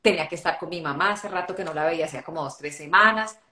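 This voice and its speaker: A woman's voice: deep voice, quick pace, sharp tone, a little hiss or hum. A woman who is a guest in a conversation, telling a personal story and acting out the dialogue within it. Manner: narrates with acted-out dialogue. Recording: echoey room.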